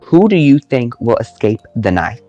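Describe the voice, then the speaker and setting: Male host, playful recap banter, mid pitch, light music under. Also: big pitch swings, normal speed, dark tone, highs cut off. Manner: playful, campy, teasing. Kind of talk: casual recap chat.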